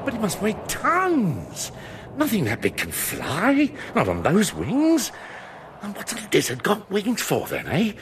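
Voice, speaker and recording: Tired sardonic watch captain, dry, exasperated, somewhat high, animated. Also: male voice, a little slow, background noise, exaggerated voice. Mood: incredulous.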